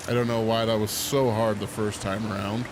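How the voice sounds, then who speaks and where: A gameplay streamer getting over a cold sniffles through casual let's-play commentary, talking to himself and yelping at scares. His lowish voice has little pitch movement and a normal speed, and heavy hiss sits over it.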